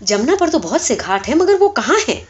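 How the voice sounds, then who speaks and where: Woman reader playing an eager Anglo-Indian hunter, high and lively, storybook. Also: close to an everyday voice. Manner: eager, quick questioning. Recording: dull lo-fi recording.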